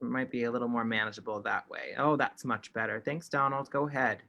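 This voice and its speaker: Relaying a panel's signing in the first person over an online call mic, this male interpreter speaks steadily, often restarting phrases mid-sentence. His mid-range voice is bright and forceful, a little fast, with vocal fry and a steady tone.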